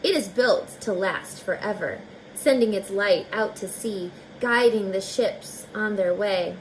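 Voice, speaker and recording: A medium-pitched woman teacher gives an expressive reading of a kids' picture book, turning to the children with chatty comments. Her pacing is slow and deliberate. The recording is rough, with a slight hiss or hum.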